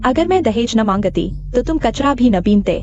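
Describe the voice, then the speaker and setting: A grasping young fiancée, voiced by a woman coaxes and wheedles in a somewhat high voice. Soft music sits under the dubbed drama dialogue. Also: lively intonation, moderate pace, muffled recording, natural voice. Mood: wheedling. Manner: wheedling, coaxing.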